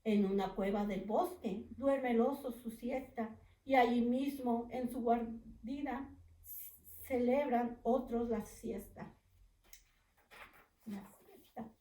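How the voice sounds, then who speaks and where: A woman preschool teacher reads a picture book aloud, slow and gentle, with a somewhat high voice. She pauses to ask the children questions. The recording is echoey, with the mic set far back. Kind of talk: children's storybook read-aloud.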